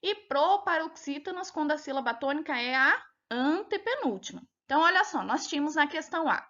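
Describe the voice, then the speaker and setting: A Brazilian woman teacher with a high voice walks young pupils through a test one answer at a time. She speaks patiently and keeps checking that they follow. The recording sounds dull and lo-fi. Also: sing-song, fairly quick, bright, forceful tone. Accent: Brazilian Portuguese. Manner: patient, explains step by step, asks checking questions. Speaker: primary school teacher. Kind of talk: recorded lesson going over a test.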